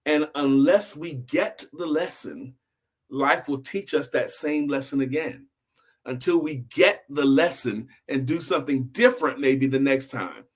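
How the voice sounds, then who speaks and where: A man hosts a casual story time for adults, narrating conversationally and repeating phrases for emphasis. His voice sits at medium pitch and moves a little slowly.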